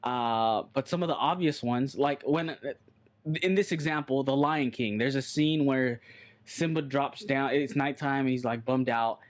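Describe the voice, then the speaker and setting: A man's voice: medium pitch, unhurried. A man co-hosting a podcast in casual chat, loose and joking, swearing and repeating himself. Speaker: podcast co-host.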